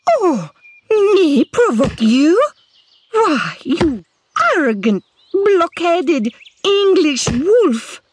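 A woman's voice: medium pitch, big pitch swings, breathy edge. A woman reading an audiobook, voicing a hot-tempered young woman who snaps and hisses her words. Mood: outraged. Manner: sharp, hissing, quick to snap. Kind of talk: audiobook character voice.

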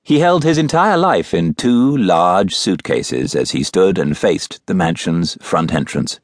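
A man narrating a mystery novel as an audiobook in a measured, even storytelling manner, recorded in a studio. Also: sits low, no room sound. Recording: dry, close studio recording.

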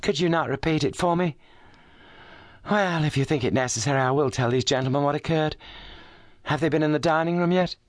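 A man's voice: a little high, brisk, pauses often, no echo, clean studio sound, voice pushed up, close to an everyday voice. A man voicing a young titled lady, injured, weary and passionate, raised in South Australia, speaking in a raised, pleading voice. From brought up in South Australia.

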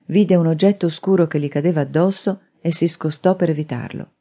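Woman narrator, low mellow voice, dramatic thriller reading. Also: brisk. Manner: dramatic, steady storytelling. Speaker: audiobook narrator. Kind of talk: scripted narration.

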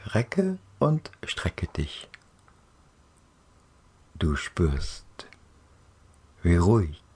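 This low-voiced man guides children through a relaxation journey. He speaks softly and dreamily, with gentle pauses and a breathy, husky, soothing tone.

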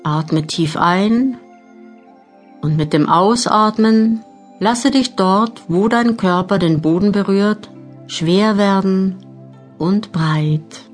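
A woman narrating a guided meditation audiobook, giving measured instructions with long pauses. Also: medium pitch. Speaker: mental training narrator. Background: new-age music.

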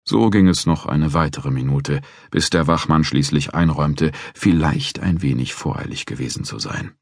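A man reading a crime novel in measured, first-person scripted narration into a close studio mic. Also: very deep voice, breathy edge, dry recording. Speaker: audiobook narrator.

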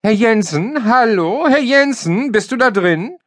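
A man's voice: very high-pitched, animated, unhurried, no room sound, studio quality, pitched above the performer's own voice. A man voicing a slim blond woman who sails, sweet-talking and sly in a comic audiobook. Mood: calling out.

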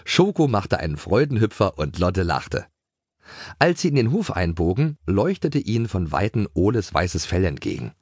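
A man narrating a children's audiobook in a playful, expressive way. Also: sits low, normal speed, slightly rough, dry recording, clean studio sound.

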